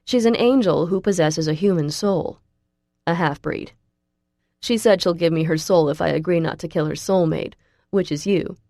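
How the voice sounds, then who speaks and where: Sadistic male villain, as a woman reads him, smooth, mocking, sugary, low-pitched, dry. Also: normal speed, mellow, no echo, lightly acted. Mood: gloating. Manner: smooth, mocking, falsely sweet. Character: giggling sadistic male fallen angel villain.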